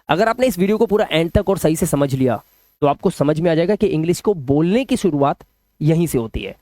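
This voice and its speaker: A man's voice: sits high, darkish tone, no room sound, clean studio sound. A male teacher giving a beginner language lesson in a patient, repetitive way, often telling listeners to pay attention. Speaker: English teacher.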